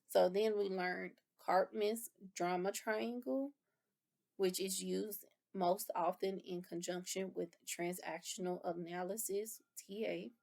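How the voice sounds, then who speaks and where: A woman's voice: lowish voice, creaky, a little mellow. A woman reviewing course material in a lecture, explaining terms and rephrasing them with casual fillers. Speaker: instructor.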